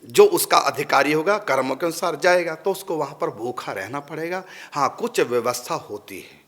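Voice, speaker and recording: A man's voice: fairly high pitch, expressive, normal speed, a bit bright. A man giving a religious discourse, answering a question and putting emphatic rhetorical questions to his listeners. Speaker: spiritual teacher.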